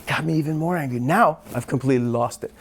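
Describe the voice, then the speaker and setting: A man's voice: medium pitch, quick pace, husky. Man in his thirties telling a story. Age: 30s. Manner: lively, builds up the tension of the story. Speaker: interview guest, martial arts teacher. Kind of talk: animated storytelling.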